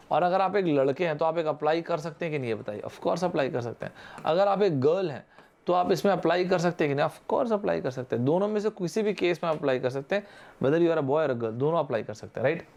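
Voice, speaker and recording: Lively bilingual teacher, man, Indian accent. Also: on the high side, a little fast, creaky. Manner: lively, mixes Hindi with English terms, quizzes viewers directly. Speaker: exam-prep teacher. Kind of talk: online vocabulary lesson.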